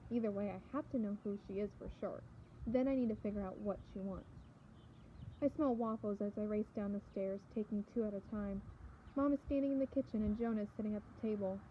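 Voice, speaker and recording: A woman reading a first-person novel aloud in a steady, plain way. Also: mid-range voice, a little fast, dull audio, a little hiss or hum. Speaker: audiobook reader.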